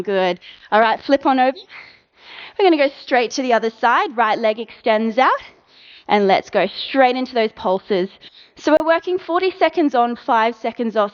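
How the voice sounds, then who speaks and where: A woman fitness instructor cueing a workout, coaching with brisk encouragement and counting down the reps. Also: a little high, dull audio.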